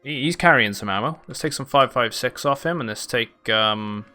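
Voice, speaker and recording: A man's voice: mid-range voice, normal speed, pushed and bright, soft background music. A man giving casual let's play commentary, thinking aloud as he plays. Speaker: gaming YouTuber.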